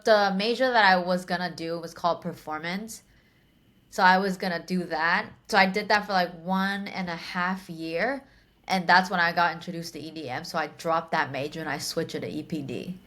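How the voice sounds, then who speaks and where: This guest is a young woman from Taiwan, in her twenties, who works as a DJ and producer. She responds to interview questions casually and talkatively, with many fillers, in a lowish voice with a fairly bright tone.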